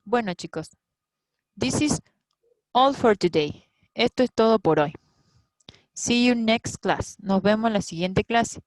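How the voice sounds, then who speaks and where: A woman's voice: on the high side, expressive, takes it slowly, pauses often, no echo. A woman teaching an English grammar lesson, explaining patiently and often checking in with her students.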